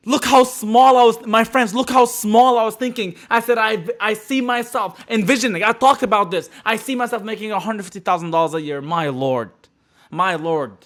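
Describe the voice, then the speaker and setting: A young man from the Middle East giving a passionate live motivational talk to his audience, repeating phrases and swinging from loud bursts to hushed, quiet lines. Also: on the high side. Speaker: motivational speaker.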